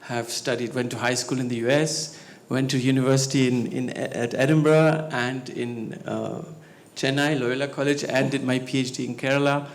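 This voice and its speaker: A man from Spain, a scholar on a panel, speaking conversationally with many hesitations and growing more animated as he goes. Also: medium pitch, normal speed, hardly any pauses. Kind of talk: conversational talk on stage. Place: talk venue stage.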